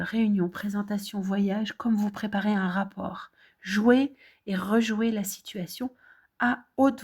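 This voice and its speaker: A woman from France, middle-aged, coaches her viewers through a casual video lesson. She talks in a direct, encouraging way and leans hard on the words she wants to stick. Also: mid-range voice. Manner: encouraging, direct, lively emphasis. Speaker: English teacher.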